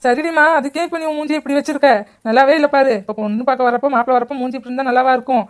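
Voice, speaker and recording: A high-pitched cartoon voice of a teasing young village woman, acted by a woman. She rattles along at a very fast pace, chatty and playful. Her talk never slows down. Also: steady tone, darkish tone, natural voice. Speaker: voice actor for a family cartoon. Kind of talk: animated cartoon dialogue.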